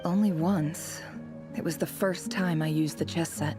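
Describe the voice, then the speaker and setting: An actress playing a shrewd, imperious female boss in a video game, haughty and teasing, speaking in a deliberate, eloquent way. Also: low voice, fairly even intonation. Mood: cryptic, assured. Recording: music behind the voice.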